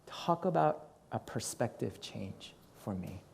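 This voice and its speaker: A man's voice: mid-range voice, expressive, slow pace, gravelly, a little mellow, slight background noise. A middle-aged male pastor preaching a sermon, telling a personal story and acting out his own reactions.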